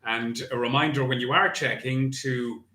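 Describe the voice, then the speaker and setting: An Irish man working as a bingo caller, announcing in a deliberate, traditional bingo-calling manner. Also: medium pitch, fairly even intonation, bright, forceful tone. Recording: echoey room, faint noise.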